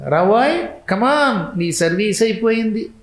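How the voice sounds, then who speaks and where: A man's voice: high-pitched, expressive, unhurried, reverberant, voice pushed up. A man voicing brusque, mocking messengers of death who order a dying man to come along. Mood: bossy. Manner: bossy, mocking.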